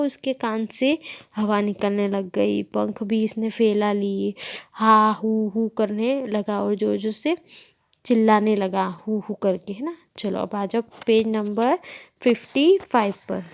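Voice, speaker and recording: Slow-talking woman teacher reading a lesson. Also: fairly high pitch, creaky, a little mellow. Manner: asks questions and answers them herself, frequent tag questions. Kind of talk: reading a textbook lesson to children.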